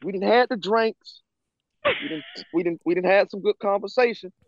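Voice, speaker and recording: A man's voice: sits high, moderate pace, no echo. A man co-hosting a casual podcast chat, giving frank dating advice and repeating himself for emphasis. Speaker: co-host. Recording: dull lo-fi sound.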